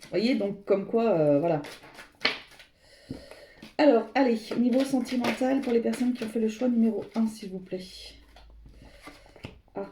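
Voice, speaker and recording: A woman with a voice on the high side gives an unhurried tarot reading, pausing often as she addresses viewers directly and searches for words. Background noise and a roomy echo are present.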